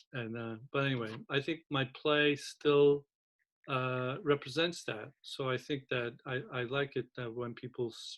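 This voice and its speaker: A man raised in Turkey hosts a faculty round table, a casual conversation among writing teachers. He speaks thoughtfully in a mid-range, slightly bright voice, often stopping to restart.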